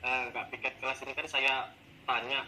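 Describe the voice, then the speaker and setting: A man playing a teacher in a coaching role-play, complaining in an exasperated, animated way about his class. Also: medium pitch, moderate pace, a little hiss or hum, rough recording. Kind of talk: role-played coaching session.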